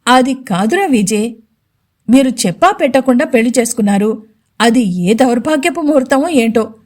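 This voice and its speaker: A woman's voice: on the high side, animated, normal speed, darkish tone. A woman voicing a scheming middle-aged mother who hesitates and needles with sarcasm in a Telugu audio story. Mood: hesitant.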